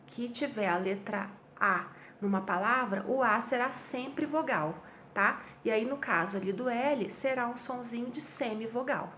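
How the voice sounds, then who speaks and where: A woman's voice: a little high, slight background noise. A Brazilian woman teaching a Portuguese grammar review class, explaining patiently and checking in with her students often.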